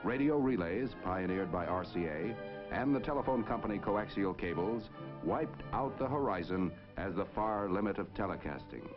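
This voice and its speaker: Male announcer, 1950s broadcast narration, stately and declamatory, low voice, muffled old film soundtrack. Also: expressive, normal speed, music in the background.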